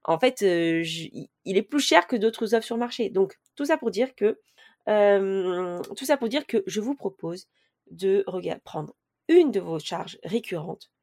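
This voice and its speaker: A woman hosting a chatty money podcast at an ordinary, middling pitch. She rambles informally with lots of filler hesitations and the odd swear word, speaking straight to her listeners. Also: expressive, measured pace, darkish tone. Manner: addresses listeners directly. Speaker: podcast host. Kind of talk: casual chatty personal-finance podcast.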